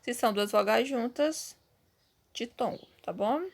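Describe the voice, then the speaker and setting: A woman's voice: on the high side, unhurried, vocal fry. A Brazilian woman teaching a Portuguese lesson, patiently explaining step by step and often checking in with her students. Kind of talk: recorded online class.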